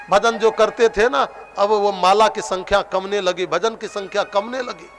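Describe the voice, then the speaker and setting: A man from eastern India delivers a devotional sermon at a gathering. His voice sits high for a man. Faint music plays softly under the live broadcast. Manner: acts out quoted voices in his storytelling, with sung phrases. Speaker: katha preacher. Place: outdoor religious gathering with sound system.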